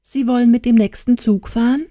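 Brief: kind, courteous young gentleman, voiced by a female reader, dry and close. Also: a little high, brisk, no echo, pitched above the performer's own voice, close to an everyday voice. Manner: courteous, calm and helpful.

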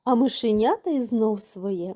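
A woman reading a folk tale aloud in a slow, expressive, singsong manner. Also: on the high side. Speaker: storyteller.

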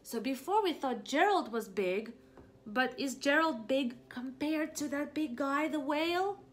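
Reading a picture book to little children in a living room, a young preschool teacher explains things with lots of expression and poses questions. Her voice is high-pitched and expressive, and she keeps a measured pace.

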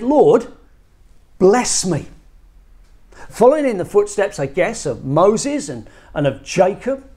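Man, middle-aged, pastor, unhurried, lively pitch, emphatic sermon, lapel mic. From England. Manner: earnest, emphatic, gestures with both hands. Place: small church room indoors.

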